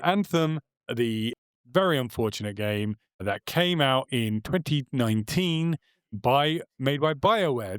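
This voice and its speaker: A man's voice: mid-range voice, clean tone, dry recording, clean studio sound. Chatty man hosting a gaming podcast. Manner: chatty, self-assured, joking. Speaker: podcast host. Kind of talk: casual chat, news rundown.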